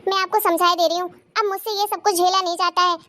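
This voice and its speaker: A young aunt from a cartoon story, newly married into the family, voiced by a woman. She talks in a sharp-tongued, complaining way. Her voice is high. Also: steady tone, quick pace, no echo. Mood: resentful. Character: young aunt, new bride, turns resentful and harsh. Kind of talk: cartoon voice acting.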